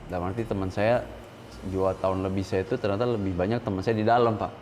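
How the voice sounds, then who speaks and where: Earnest low-voiced man in his thirties. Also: steady tone, fast talker, a little mellow, slight background noise. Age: 30s. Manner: earnest, mixes English words, stressed rises when quoting others. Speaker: interview guest. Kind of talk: candid interview talk.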